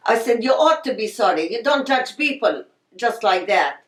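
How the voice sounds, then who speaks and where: A woman's voice: fairly high pitch, very animated, normal speed, roomy sound, rough recording. An older woman from Palestine, telling her story passionately in an oral history interview.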